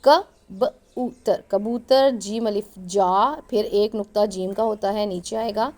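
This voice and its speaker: A woman's voice: medium pitch, fairly even intonation, a little slow, a little mellow. A woman teacher reading a storybook aloud to young children, patiently spelling out the letters and asking questions as she goes.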